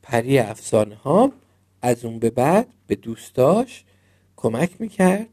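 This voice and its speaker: A man reading a children's fairy tale aloud, gentle and expressive. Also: medium pitch. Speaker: storyteller.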